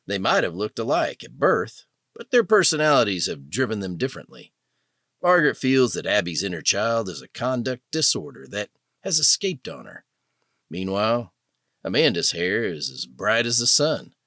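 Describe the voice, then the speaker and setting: A man narrating an audio drama with dramatic, expressive storytelling. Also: lowish voice, no echo, studio quality. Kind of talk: scripted narration.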